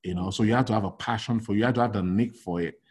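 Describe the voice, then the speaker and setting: A middle-aged Nigerian man who consults in logistics talks fast in a lowish voice with a breathy edge. In this relaxed interview he's lively, restarting often and leaning on "you know."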